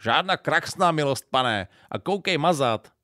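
A man's voice: on the high side, expressive, bright, forceful tone, no echo, clean studio sound, pitched above the performer's own voice. A man with a Silesian accent voicing a cocky, brusque old taxi driver in an audiobook. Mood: gruff. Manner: brusque, slangy.

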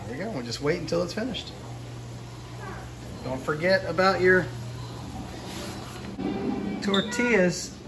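A man's voice: high-pitched, a little slow, long pauses, noisy background. A man in his forties chatting casually as he cooks fish in his home kitchen, filmed on a handheld phone. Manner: relaxed, chatty, talks while cooking. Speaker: fishing vlogger. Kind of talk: casual cooking narration. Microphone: handheld phone camera.

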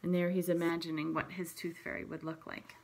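A woman, a pre-K teacher, reading a picture book aloud to children, explaining the pictures gently. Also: fairly low pitch, monotone, fairly quick.

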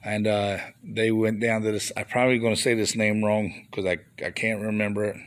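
A chatty, low-voiced toy reseller films his flea market finds on a handheld phone at an indoor table of toys, speaking a little fast in a smooth voice with little pitch movement. It's a casual off-camera show-and-tell vlog. He rambles and throws in mild grumbling asides.

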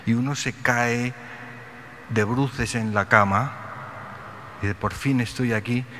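A man's voice: medium pitch, steady tone, slow, bright, forceful tone. A middle-aged man giving a reflective conference lecture at a podium microphone, asking rhetorical questions. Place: large ornate hall, indoors. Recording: long hall reverb, faint noise.

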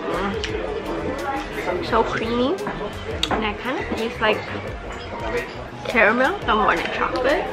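A woman's voice: fairly high pitch, expressive, slow pace, long pauses. A woman vlogger giving casual tasting comments while chewing her food, savoring each bite. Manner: savoring, enthusiastic food reactions. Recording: loud crowd and music behind.

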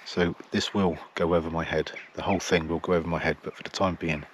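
Middle-aged English man, low and level delivery, casual outdoor vlog, arm's-length camera. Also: steady tone, fast, a little hiss or hum. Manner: plain, chatty, matter-of-fact. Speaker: wildlife photographer. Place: outdoors in a field by trees.

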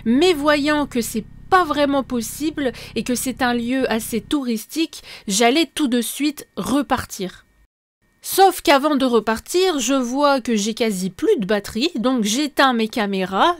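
A woman with a high voice narrates a motorcycle vlog in a voice-over. She recaps what happened on the road in a clear, storytelling way. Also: dry recording. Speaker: motorcycle vlogger.

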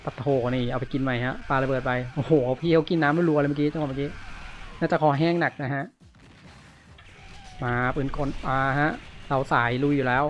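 A man giving casual gameplay commentary, excitable, often exclaiming and groaning. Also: on the high side, a little fast. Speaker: gamer. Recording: dull lo-fi audio with game music. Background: game music.

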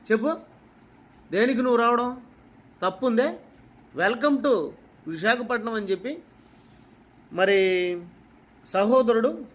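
A man from Kadapa with a Kadapa Telugu accent, a preacher scolding a rival with rapid rhetorical questions and repetition. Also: sits high, a bit bright. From Kadapa, Andhra Pradesh. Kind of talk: confrontational rebuttal speech.

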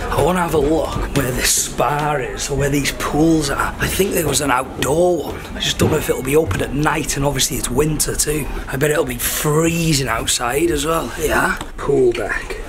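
A man's voice: on the high side, moderate pace, few pauses, background noise. A young Welsh man from the UK filming a casual travel vlog, chatty and upbeat, talking to a handheld camera on a cruise ship. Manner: chatty, upbeat, thinking aloud while walking. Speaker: travel vlogger. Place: cruise ship decks, cabins and bar. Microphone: handheld camera at arm's length.

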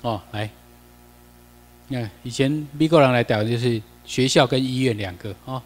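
A man's voice: mid-range voice, normal speed. Taiwanese-accented man lecturing in a reverberant hall. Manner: chatty, mixes in Taiwanese Hokkien, asks the class questions. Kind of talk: classroom lecture over slides.

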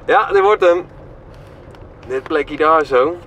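A man's voice: fairly high pitch, takes it slowly, a bit bright, highs cut off, a little hiss or hum. A young man talking casually to viewers on a travel vlog, chatty and upbeat, adding playful mouth sound effects, recorded on a handheld camera in a car and outdoors. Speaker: vlogger. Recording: background music under the voice.

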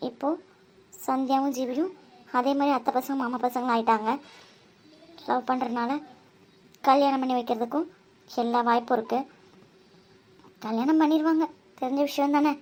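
A woman's voice: high voice, fairly even intonation, normal speed, long pauses, darkish tone. A woman narrating a family cartoon story in an explaining tone.

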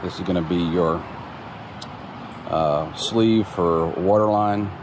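Walking through his home's construction site outdoors, a homeowner casually explains the plumbing in a low voice at a slow pace. He's relaxed and plain-spoken with plenty of ums, filmed on a handheld phone camera that picks up clear background noise.

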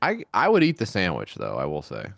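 A man's voice: low-pitched, wildly swooping pitch, a little fast, vocal fry, fairly bright tone, no room sound, soft background music. A man co-hosting a live stream, chatting easily about the video they watch. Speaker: co-host reacting to videos. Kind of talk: casual stream chat.

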